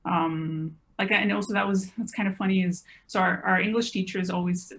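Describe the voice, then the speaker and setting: A woman's voice: medium pitch, steady tone, normal speed, a bit bright. A woman in her twenties, a podcast guest, talking casually and rambling a little with lots of filler words. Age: 20s. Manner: chatty, rambling, many "like" fillers. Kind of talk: casual conversation.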